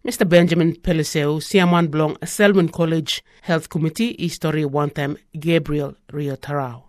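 Higher-pitched Melanesian man reading news, dry studio. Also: fairly even intonation, moderate pace, no echo. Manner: speaks Melanesian Pidgin. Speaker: radio news presenter.

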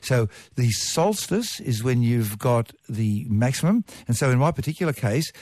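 A man's voice: mid-range voice, animated, normal speed, darkish tone, dry recording, studio quality. A man answering callers' science questions on a radio call-in, playful and joking as he explains. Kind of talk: casual radio Q&A.

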